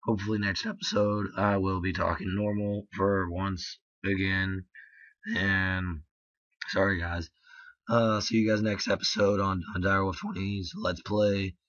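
A young man with a hoarse, strained voice, muttering halting let's play commentary full of ums. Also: low voice, little pitch movement, fairly bright tone, no echo, dull audio. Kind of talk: casual gameplay commentary.

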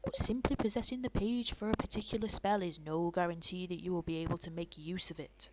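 A woman voicing an ancient, wise male talking tree, reading game dialogue with grave, measured delivery. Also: fairly low pitch, noisy background, close to an everyday voice.

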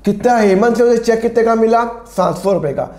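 A man with a sore, hoarse throat teaching an accounts lesson, asking and answering his own questions and repeating key phrases. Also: extremely high pitch, brisk, dark tone, echoey room. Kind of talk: classroom-style lesson explanation.

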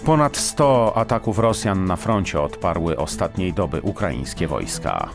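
A man's voice: sits low, measured pace, creaky, music in the background. A man reading a formal radio news bulletin in a studio. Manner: steady, formal newsreading.

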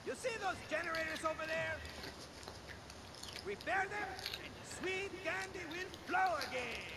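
A man's voice: very high voice, moderate pace, heavy background noise. A man voicing a flamboyant male love-therapy book from a video game, preachy and grand. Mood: grandiose.

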